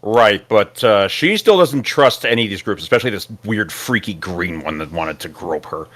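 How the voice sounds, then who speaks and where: A man's voice: on the low side, lively intonation, normal speed, a bit bright. A man playing in a tabletop game, chatting casually in a rambling, joking way with fillers. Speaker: player.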